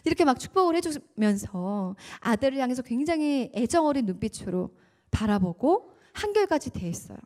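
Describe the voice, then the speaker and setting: A woman's voice: a little high, warm tone. A woman giving a church testimony as a guest speaker, telling her story vividly, acting out dialogue and laughing often.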